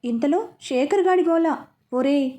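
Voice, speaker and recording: High-voiced woman narrating a romance story. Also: normal speed. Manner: expressive, chatty narration. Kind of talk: first-person story narration.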